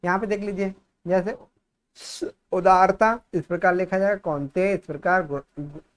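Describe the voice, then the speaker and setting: A man teaching a grammar lesson for exam preparation repeats each word more than once, explaining in a dictating style. He has a high voice with a steady tone and speaks at a normal speed.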